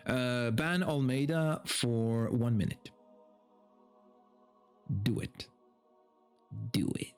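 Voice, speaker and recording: This male streamer talks very slowly with long pauses, his medium-pitched voice clean in tone. Against background game music, he chats informally and rambles with plenty of swearing, then reads a story with drama.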